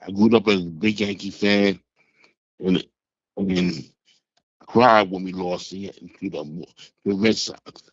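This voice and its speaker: A man in his sixties calling in over the phone, telling a rambling, halting story from years past. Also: low-pitched, steady tone, no room sound. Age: 60s. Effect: heard over a phone line. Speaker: caller. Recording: muffled phone line.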